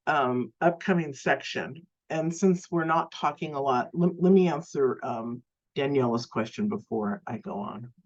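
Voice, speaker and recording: A woman teaching a live online self-love class, speaking gently and unhurriedly, often restarting phrases and using fillers. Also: very deep voice, highs cut off.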